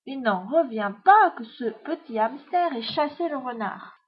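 Woman narrator, high husky voice, slow storybook reading, lo-fi. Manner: measured, expressive reading. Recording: dull lo-fi recording.

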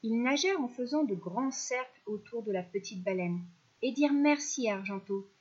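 A woman reads a children's story in a gentle, expressive way. Her voice sits slightly high. The recording is dull and lo-fi. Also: normal speed, slightly rough.

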